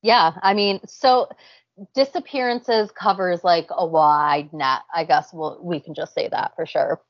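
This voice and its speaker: Hoarse raspy lady cohosting a casual podcast, voice cracking, kinda low, muffled dry recording. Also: a little slow, dry recording. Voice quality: raspy, breaking voice. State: hoarse, losing her voice. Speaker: podcast co-host.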